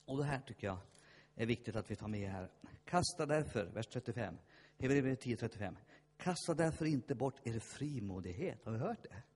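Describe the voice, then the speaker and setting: A man's voice: medium pitch, lively intonation, a little mellow, breathy edge. A man preaching a fervent sermon, telling stories and acting out the voices in them. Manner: fervent, storytelling, acts out voices. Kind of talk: lively sermon with shouted peaks. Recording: long hall reverb.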